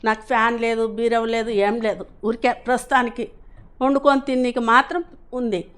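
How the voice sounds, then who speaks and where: A woman's voice: fairly high pitch, flat delivery, normal speed, smooth. A middle-aged woman, giving a rambling, earnest personal testimonial as a class attendee.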